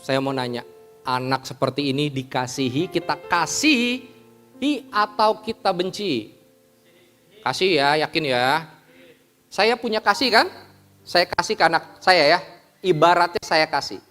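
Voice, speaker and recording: A male preacher delivers a lively sermon in a church, questioning the congregation and acting out little everyday scenes. His voice sits slightly higher than most men's and swings widely. Soft instrumental music plays behind him. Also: unhurried, long pauses.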